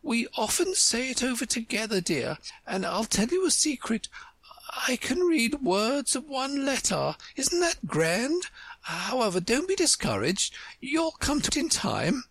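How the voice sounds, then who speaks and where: A timid storybook queen, acted out by a reader, very high and breathy. She is muddled and kindly, rambling anxiously with lots of rise and fall. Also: big pitch swings, a little slow, a bit bright, dry recording, full character voice, poor audio. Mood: confiding.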